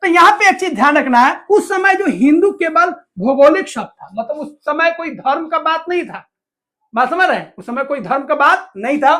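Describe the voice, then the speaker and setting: A woman's voice: sits high, expressive, normal speed, fairly bright tone. A woman teacher explaining a school lesson, asking questions and answering them herself with lots of repetition. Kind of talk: classroom lesson explaining to students.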